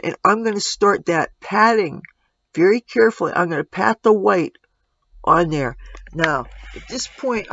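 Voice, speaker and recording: Male makeup tutorial presenter: high-set voice with light gravel, chatty step-by-step delivery, dull lo-fi sound. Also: fairly bright tone, slight background noise. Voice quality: slightly gravelly. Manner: step-by-step self-narration with candid asides. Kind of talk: casual makeup tutorial chat.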